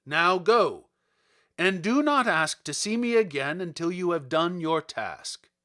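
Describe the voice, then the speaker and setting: A man reads a dramatic storybook part as a great disembodied wizard head, using a loud, booming voice that is commanding, stern, and terrible. His performance is very animated and heavily acted, imperious in mood, with emphatic, deliberate delivery.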